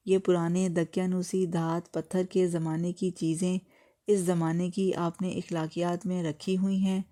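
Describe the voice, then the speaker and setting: A woman's voice: lowish voice, level tone, mellow, close to an everyday voice. A woman voicing an angry, defiant young female student who argues hard, in a storybook reading. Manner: defiant, argumentative.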